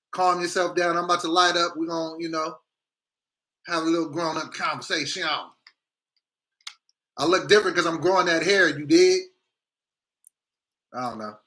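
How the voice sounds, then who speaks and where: A man's voice: sits high, bright, forceful tone, poor audio. A man chatting casually on a livestream in a blunt, slangy, opinionated way, speaking with a grill on his teeth. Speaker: livestream host.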